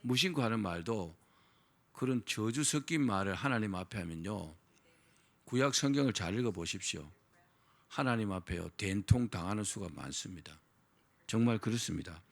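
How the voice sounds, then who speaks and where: A man's voice: fairly low pitch, animated, moderate pace. A man preaching a sermon as pastor, asking the congregation questions and having them repeat phrases after him.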